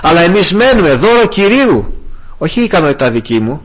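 A man's voice: on the high side, big pitch swings, breathy edge. An older man preaching a sermon with fervor, calling his listeners brothers. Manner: fervent, addresses listeners as brothers.

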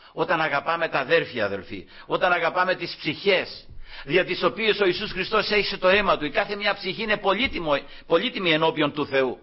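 A man's voice: on the high side, slightly rough. A man preaching a sermon to his congregation, acting out quoted figures in a raised voice. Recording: dull lo-fi recording.

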